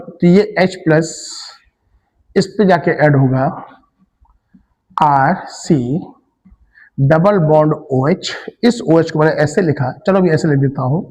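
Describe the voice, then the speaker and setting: Male chemistry teacher, slow and deliberate, quizzing the class as he explains. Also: on the high side, a little mellow, big-room sound, low-quality recording. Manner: asks students questions and answers them himself; mixes Hindi with English terms. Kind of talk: classroom lecture.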